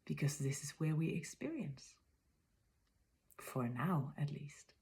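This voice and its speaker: A low-pitched woman in her fifties, from Denmark and speaking with a Danish accent, reflects aloud on spiritual matters. Her delivery is soft and often whispery, halting whenever she searches for a word.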